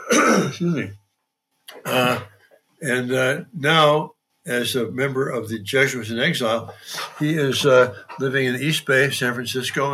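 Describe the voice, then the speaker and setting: Older priest hosting, bright voice. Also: male voice, mid-range voice, a little hiss or hum. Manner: dry joking, frequent throat clearing. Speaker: podcast host, priest. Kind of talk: conversational interview.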